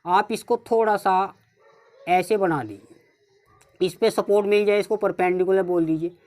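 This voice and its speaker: A woman's voice: mid-range voice, darkish tone. Woman, North Indian accent, maths teacher, calls students children, patient step-by-step explaining. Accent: Hindi-speaking North Indian. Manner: keeps addressing the class as "children", repeats steps slowly. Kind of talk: whiteboard maths lesson.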